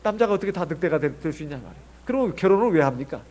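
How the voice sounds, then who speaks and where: A man's voice: on the high side, sing-song, rapid-fire, a little mellow. A middle-aged man from Jeolla preaching a sermon as pastor, chatty and full of rhetorical questions. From Jeolla, South Korea.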